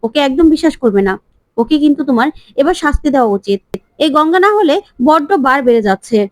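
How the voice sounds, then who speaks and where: A bossy elder sister-in-law talks down to the others in quick, high, scornful lines, as a woman narrator puts her on. The voice sits dry and close to the mic. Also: expressive, no room sound.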